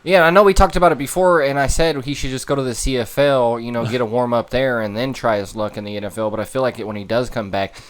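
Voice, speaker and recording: A man's voice: mid-range voice, steady tone, quick pace, hardly any pauses, smooth. A man co-hosting a podcast, chatting casually and opinionatedly about football, firing off questions. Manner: opinionated, asks many questions. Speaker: podcast co-host. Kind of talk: casual chat.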